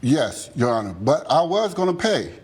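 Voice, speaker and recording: A man's voice: a little high, big pitch swings, moderate pace, darkish tone, breathy edge. An American man in his fifties talking back informally and defensively as a witness in a TV court. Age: 50s.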